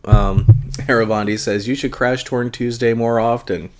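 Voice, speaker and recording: A long-time convention goer, this adult man hosts a casual book club livestream and reads comments from viewers aloud. His speech is relaxed, hesitant, and full of fillers, and he sounds a bit congested. He talks at medium pitch and normal speed.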